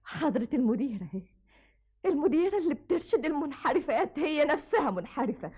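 A woman's voice: high voice, very animated, fast, a little mellow. An actress playing a defiant, bitter young orphan girl with an Egyptian accent, accusing her father in an old radio drama. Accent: Egyptian Arabic. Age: young adult. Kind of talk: 1970s radio drama acting. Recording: dull old radio recording.

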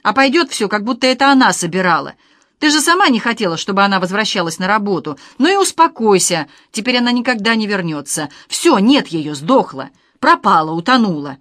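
A woman's voice: on the low side, expressive, a little fast, no room sound, clean studio sound. A woman reading an audiobook, voicing a weak, fawning husband who pleads and whines. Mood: shouting. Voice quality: pleading, whiny, snapping when pushed.

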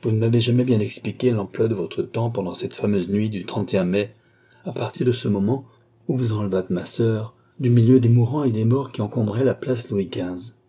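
A man's voice: fairly low pitch, normal speed, dark tone, slightly rough. A man voicing a hot-headed young nobleman who speaks in indignant, clipped bursts.

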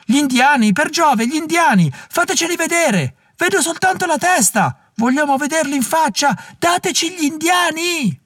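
A rowdy male heckler yelling from the gallery in a storybook reading, voiced by a male narrator. The voice is strained and very high, shouted out as if from far back in the crowd. The recording itself stays close and dry. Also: animated, moderate pace, few pauses, no room sound, exaggerated voice. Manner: shouting, jeering.

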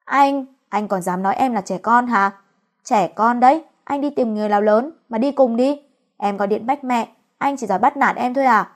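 A woman's voice: a little high, moderate pace, natural voice. A woman reading the part of a young wife who sulks and complains out of jealousy. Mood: sulky. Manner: sulky, whiny.

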